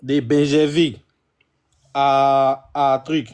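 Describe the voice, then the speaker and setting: A man in a political debate, asking pointed questions in a deliberate way. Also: medium pitch, flat delivery, a little mellow, smooth. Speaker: debate participant. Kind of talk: political argument.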